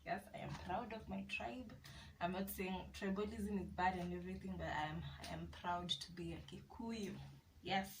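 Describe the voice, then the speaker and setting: A woman's voice: mid-range voice, steady tone, moderate pace, distant mic, background noise. A woman in her twenties from Kenya with a Kenyan accent, chatting casually to camera as a vlogger and repeating herself with lots of yeses. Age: 20s.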